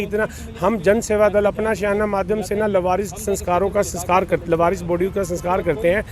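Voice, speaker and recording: High-voiced man, earnest complaint. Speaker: volunteer, interviewee. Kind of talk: testimony to a reporter. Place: outdoors at a cremation ground.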